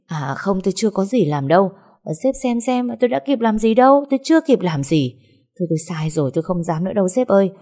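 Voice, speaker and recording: A woman's voice: lowish voice, expressive, fairly quick, dark tone. Woman doing a drunk, groveling older office manager. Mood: pleading. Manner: blustering then groveling, stammering fillers. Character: drunk older male sales manager, lecherous and cowardly.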